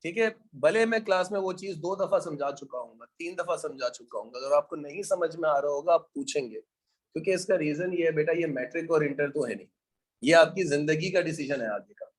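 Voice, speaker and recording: A man's voice: a little high, brisk. A man lecturing an economics class in an informal way, teasing his students and calling them brother and son.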